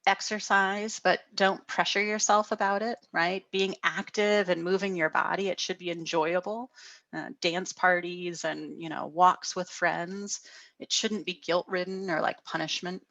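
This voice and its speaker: A middle-aged woman counselor giving a gentle guided wellness talk over a video call, often asking "right?". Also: lowish voice, fairly even intonation, unhurried, vocal fry, no echo, muffled recording. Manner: gentle, frequent "right?" tags.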